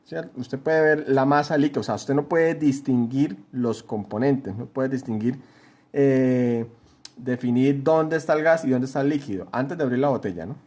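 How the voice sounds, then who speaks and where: A man's voice: medium pitch, normal speed, darkish tone. A man from Colombia teaching a chemistry lesson while writing on a board, explaining patiently and often checking that students follow. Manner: writes on a board while talking. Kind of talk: home-school lesson at a whiteboard.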